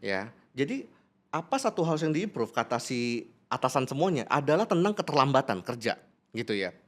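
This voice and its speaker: A male business coach talking through a podcast chat, his pitch swinging freely up and down as he explains. He often laughs mid-sentence and slips into little acted-out exchanges to make his point. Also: sing-song, normal speed. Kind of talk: podcast conversation.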